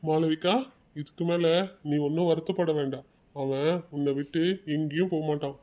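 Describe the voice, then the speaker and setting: A man's voice: fairly high pitch, little pitch movement, moderate pace, mellow, natural voice. A man voicing a supportive adult friend in a cartoon, speaking in a reassuring way. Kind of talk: cartoon voice acting.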